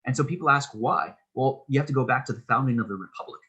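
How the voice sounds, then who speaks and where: A man in his thirties speaks as an interview guest, with a forceful, somewhat husky voice. He lays out his points earnestly and at length, often restarting mid-sentence. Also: medium pitch, fast talker, muffled recording. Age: 30s. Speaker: political candidate, interview guest. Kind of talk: casual interview talk.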